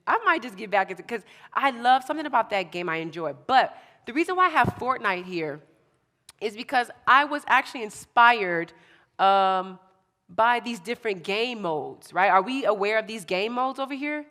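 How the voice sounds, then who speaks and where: A young adult woman giving an energetic motivational talk to a youth audience in an event hall, repeating her key phrases in a chatty way. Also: on the high side, moderate pace. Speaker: motivational speaker.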